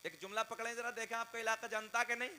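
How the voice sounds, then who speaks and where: A male preacher telling a story in a drawn-out, sing-song sermon style that rises to shouts, with quick low asides to the crowd. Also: little pitch movement.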